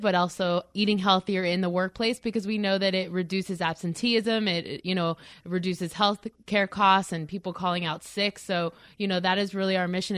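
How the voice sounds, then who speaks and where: A woman's voice: on the low side, a bit bright, no echo. A woman from Florida, a radio interview guest, explaining in an earnest way with some fillers. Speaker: guest from a nonprofit.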